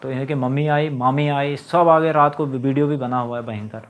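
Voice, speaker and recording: Here a young man with a mid-range voice talks at a moderate pace with fairly even intonation. Agitated and griping, he narrates his own experience casually and voices the quoted words of others.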